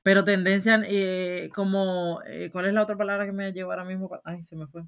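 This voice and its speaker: Speaking a little fast in a level, medium-pitched voice, this podcast co-host from Spain has an accent blending Spanish with Dominican speech. She chats casually and spins animated stories.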